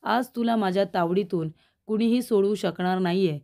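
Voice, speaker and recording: A woman's voice: medium pitch, moderate pace, creaky, warm tone, close to an everyday voice. A woman voicing a threatening, lecherous young man villain in a TV serial recap. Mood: menacing.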